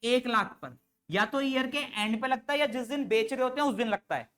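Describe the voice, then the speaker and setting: A man's voice: very high-pitched, a little fast, a bit bright. A male accountancy teacher giving a live classroom lecture, firing questions at his students and addressing them fondly as he works through an example. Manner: quizzes the class with constant questions, calls students "beta".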